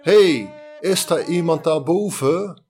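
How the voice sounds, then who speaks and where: A man voicing a desperate man hanging from a cliff, shouting and pleading for help. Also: fairly high pitch, expressive, takes it slowly, pitched above the performer's own voice.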